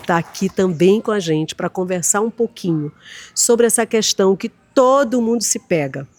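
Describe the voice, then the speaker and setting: A woman's voice: fairly low pitch, darkish tone. Effusive Brazilian woman podcast host. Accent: Brazilian Portuguese. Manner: effusive, welcoming. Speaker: podcast host, school director. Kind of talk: hosting a podcast interview.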